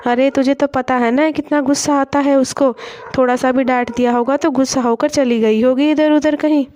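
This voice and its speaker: Woman doing an old village mother-in-law, scolding, high pitch, mellow tone, slightly dull lo-fi. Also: fairly even intonation, moderate pace, no echo, natural voice. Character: older village mother-in-law with aching knees.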